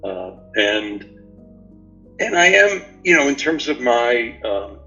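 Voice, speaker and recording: A man in his seventies from New York City, a guest answering interview questions in an unhurried, rambling way with many fillers. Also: mid-range voice, very animated, sharp tone, highs cut off, faint music behind. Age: 70s. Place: remote call from a beach house.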